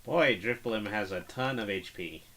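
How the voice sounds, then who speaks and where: A man narrates his game playthrough with casual, understated commentary, half talking to himself and reading dialogue aloud. His voice is on the low side, bright and forceful, at normal speed.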